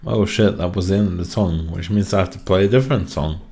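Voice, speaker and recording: A man's voice: sits low, fast talker, warm tone. A young man from Norway streaming live, bantering with his viewers in a joking, profane, offhand way. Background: faint song playing.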